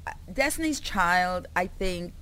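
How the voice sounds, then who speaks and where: A woman's voice: lowish voice, a little slow. A woman from the Caribbean, a publicist, chatting in an interview with laughs and repeated words. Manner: animated, laughing, repeats herself. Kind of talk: conversational interview.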